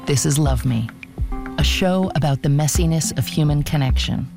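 A woman's voice: sits low, moderate pace, creaky, music in the background. A woman hosting a podcast, reading scripted narration. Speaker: podcast host.

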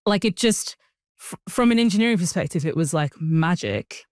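A young woman, telling her story as an interview guest, animated and full of fillers. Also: on the low side, normal speed, dry recording, clean studio sound. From Sudan. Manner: animated, with frequent "like" and "you know" fillers. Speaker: guest, engineer and writer. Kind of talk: interview conversation.

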